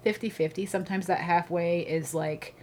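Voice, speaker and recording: A woman's voice: fairly low pitch, fairly even intonation, moderate pace, a little mellow, slight background noise. Rambling woman podcast guest. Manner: rambling, heavy use of "like" and "you know". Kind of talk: casual chat.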